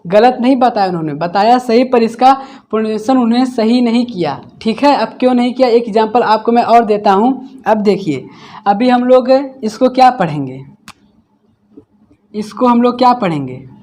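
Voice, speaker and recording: In this classroom lesson, a man explains English grammar slowly, one step at a time, asking every question and then supplying the answer himself. His voice is very high-pitched with a darkish tone.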